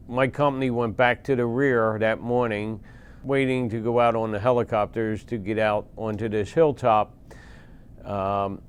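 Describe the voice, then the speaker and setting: A man in his sixties from Philadelphia, a veteran recounting war memories in a plain-spoken, halting way with pauses and fillers. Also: lowish voice, clean tone. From Philadelphia, USA. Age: 60s. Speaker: veteran interviewee.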